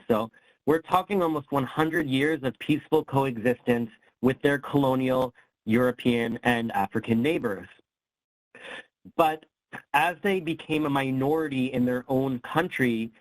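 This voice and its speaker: Over a video call on his computer mic, a man with a mid-range voice gives an online history lecture, full of ums and self-corrections as his voice gives out. The recording is low quality but free of echo.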